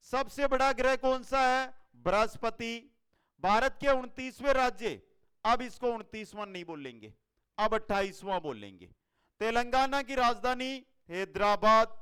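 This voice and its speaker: A man with a Rajasthani Hindi accent, an online exam-prep teacher running a fast quiz-style lesson, energetic and repeating each answer for his viewers. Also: very high-pitched, clear, resonant tone.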